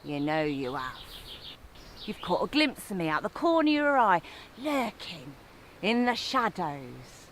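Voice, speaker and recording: A woman's voice: on the low side, very animated, a little slow, fairly bright tone, slight background noise, heavily acted. A woman playing a scolding, taunting, gleefully wicked old witch of the woods with a northern English accent, in theatrical storytelling. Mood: gleefully menacing.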